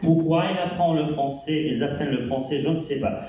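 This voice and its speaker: A man doing a stand-up set as a French teacher, talking haltingly with many fillers and repeated words. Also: fairly high pitch, warm tone, a little hiss or hum. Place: comedy club stage. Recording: echoey hall from far off, dull sound.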